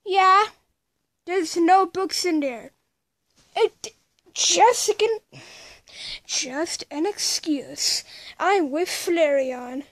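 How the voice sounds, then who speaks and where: A woman performing an improvised toy skit, voicing every part herself and switching quickly between characters with playful exclamations. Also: very high-pitched.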